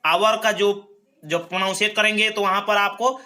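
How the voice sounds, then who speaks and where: A man's voice: high voice, fairly even intonation, moderate pace, bright, forceful tone. A man teaching English grammar for exam preparation, drilling each rule and checking in with the class after almost every point. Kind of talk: exam-prep grammar lesson. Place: recorded lesson video.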